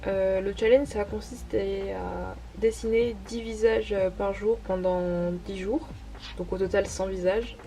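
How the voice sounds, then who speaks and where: Young woman with a mellow voice, hesitant. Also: mid-range voice, a little hiss or hum. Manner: hesitant, many fillers, self-deprecating laughs. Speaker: artist vlogger showing her sketchbook. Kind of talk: casual narrated walkthrough.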